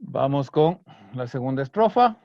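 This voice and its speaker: A man teaching an online Kichwa language class, patiently breaking down song lyrics and slowly repeating words. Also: mid-range voice, lively intonation, no room sound. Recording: dry, slightly dull online class audio.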